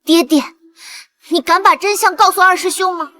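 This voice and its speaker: Brief: a defiant daughter, very high bright voice, scornful and sharp. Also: female voice, normal speed. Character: defiant young immortal-sect daughter, fierce, accusing. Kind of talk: dubbed costume drama acting.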